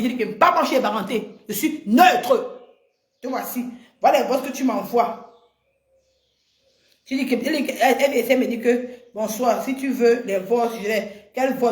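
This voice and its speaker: A woman on a livestream, heated and confrontational, addressing someone directly and repeating her points. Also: a little high. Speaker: live streamer. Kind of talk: livestream rant. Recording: echoey room.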